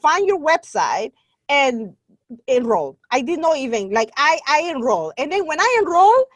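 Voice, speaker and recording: This online Spanish teacher from Guatemala, middle-aged and a native Spanish speaker with a Spanish accent, appears as an interview guest sharing her story. She speaks high with big swings in pitch at a moderate pace, and there's no room sound. Her manner is earnest and chatty, and she laughs readily.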